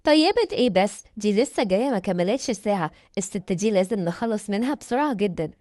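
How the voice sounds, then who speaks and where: A woman's voice: fairly high pitch, animated, fast talker, mellow, no room sound, clean studio sound, natural voice. A woman voicing a bossy, resentful twelve-year-old girl who talks sharply and scornfully.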